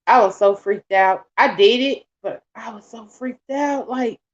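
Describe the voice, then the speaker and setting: A woman vlogger with a voice on the high side tells a story at an unhurried pace while cooking at home. She's animated and colloquial, repeating phrases and acting out the voices of the people involved. The home recording is muffled, with a little hiss or hum.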